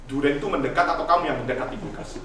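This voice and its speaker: Dramatic high-voiced preacher in echoey hall. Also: male voice, rapid-fire, a crowd in the background. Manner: dramatic, swings from loud shouts to hushed asides, constant "saudaraku". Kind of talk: sermon. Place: large church hall. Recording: echoey hall, heard from a distance.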